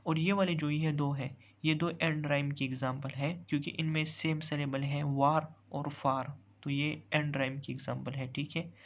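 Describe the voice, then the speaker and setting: Teacher patiently explaining slides. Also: mid-range voice. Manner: explains step by step, pointing at examples and checking in with "ठीक है"; mixes English terms and read-out definitions into Hindi explanation. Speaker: literature teacher. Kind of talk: recorded online lesson walking through slides.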